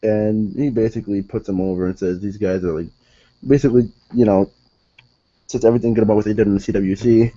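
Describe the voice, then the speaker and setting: A man's voice: lowish voice, fairly even intonation, fast talker, warm tone, dull audio. A young man reviewing a wrestling show in casual solo talk, rambling, correcting himself and sounding exasperated.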